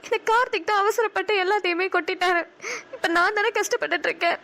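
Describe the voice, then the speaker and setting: A woman's voice: very high-pitched, steady tone, quick pace, vocal fry, a bit bright, full character voice. A woman voicing an anxious, heartbroken young mother in a cartoon, crying and pleading. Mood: sobbing. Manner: tearful, pleading.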